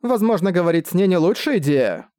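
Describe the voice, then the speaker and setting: A man's voice: high-pitched, big pitch swings, fairly quick, darkish tone, smooth, dry recording, studio quality, voice pushed up. A man reading an audiobook, voicing a blunt, practical woman hero who talks curtly. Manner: curt, matter-of-fact.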